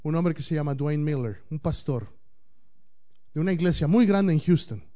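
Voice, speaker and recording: A man preaching a sermon as pastor, swinging between loud declaiming and hushed, intimate passages. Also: on the high side, expressive, normal speed, dull audio.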